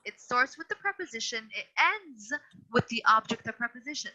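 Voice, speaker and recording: Leading a grammar lesson online, a woman teacher speaks at normal speed in an expressive, pushed and bright voice on the high side. She repeats and corrects students with firm patience, and the video call audio sounds dull and lo-fi.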